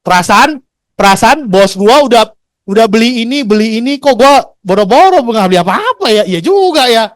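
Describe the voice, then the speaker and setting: A man's voice: very high voice, expressive, normal speed. A man in his forties sharing his career story in a chatty, slangy motivational talk, acting out the dialogue he recounts. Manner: chatty, slangy, acts out quoted dialogue, laughs often.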